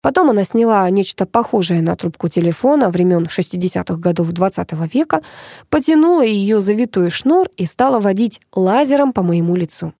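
A woman's voice: mid-range voice, animated, a little fast, mellow, no room sound. A woman narrating a first-person audiobook in a dry, ironic manner.

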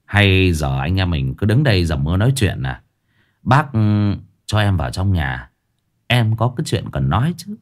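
A man's voice: low voice, big pitch swings, moderate pace. A man voicing an easygoing young fisherman who talks in a placating way to his older half-brother.

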